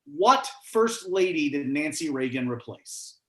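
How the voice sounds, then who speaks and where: A man's voice: a little high, animated, a little slow. A man hosting a casual online trivia night, chatty and joking as he reads out the questions. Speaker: trivia host. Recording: roomy echo.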